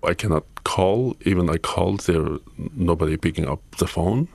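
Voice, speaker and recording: A young man from China in a documentary interview, his voice disguised and pitched down, speaking haltingly and pausing for words. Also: creaky, a little mellow, no echo. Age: young adult.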